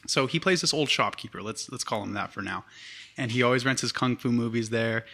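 Guy on a podcast recapping a movie, really bright voice, lots of um and like. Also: mid-range voice, fairly quick, vocal fry. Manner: rambling, laughs often, fills with "um" and "like". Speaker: podcast host summarizing a movie. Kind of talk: casual chat.

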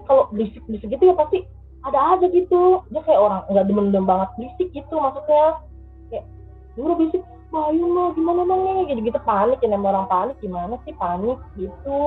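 A high-voiced woman tells a ghost story with lively energy. The sound is tinny and phone-like. Faint music plays behind her. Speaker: guest telling a ghost story. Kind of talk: casual storytelling.

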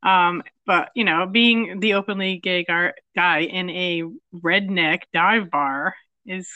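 Woman podcast co-host, casual and giggly, bright tone, trails off and corrects herself, dry close mic. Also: fairly low pitch, slow, no room sound, highs cut off. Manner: laughs often, loses track mid-sentence. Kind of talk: casual chat.

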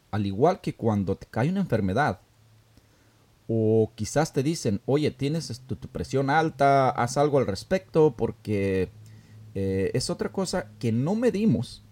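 A man's voice: on the low side, warm tone. A man hosting a talk show, giving earnest advice in a casual, filler-laden way. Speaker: radio talk host.

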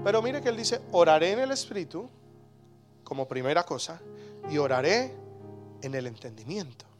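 Man, high voice, animated sermon, guitar music behind, sudden loud bursts. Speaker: pastor.

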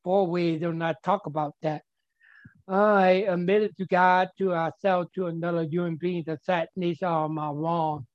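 A man's voice: sits high, steady tone, moderate pace, dull audio. A man sharing at a twelve-step recovery meeting, stuttering and repeating words in simple, earnest phrasing.

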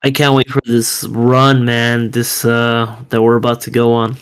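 Male podcast co-host, smooth voice, unhurried, casual and profane. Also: mid-range voice, monotone. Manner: laid-back, swearing, filler-heavy. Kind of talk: casual wrestling podcast chat.

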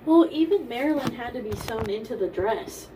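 A woman's voice: on the high side, animated, normal speed. A young woman co-hosting a podcast in casual chat, speaking in an informal, matter-of-fact way. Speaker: podcast co-host. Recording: distant mic, faint background noise.

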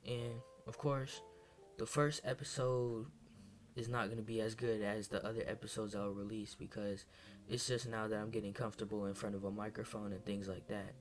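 A man's voice: lowish voice, little pitch movement, moderate pace, soft background music. A young man from Massachusetts hosting his first solo podcast, talking in a rambling, hesitant way full of fillers and restarts, sounding tired. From Massachusetts, USA. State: tired, low on energy. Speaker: podcast host. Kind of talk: casual solo podcast monologue.

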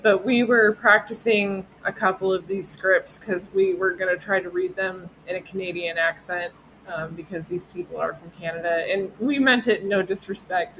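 A woman's voice: mid-range voice, a bit bright, a little hiss or hum, low-quality recording. A woman hosting a casual true-crime podcast, chatty and loose, often breaking into giggles. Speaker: podcast host.

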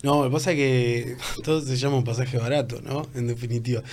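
A man in his thirties speaks with a Uruguayan Spanish accent, unhurried and easygoing. He tells long stories in casual podcast chat, with many fillers and restarts. His voice sits at an ordinary middle pitch. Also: slight background noise. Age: 30s. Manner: relaxed storytelling with many fillers. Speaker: guest.

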